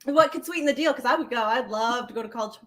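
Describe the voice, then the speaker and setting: A woman hosting a casual livestream chat about coins, giggly and animated as she tells stories. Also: a little high, fast, a crowd in the background. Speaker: coin channel host.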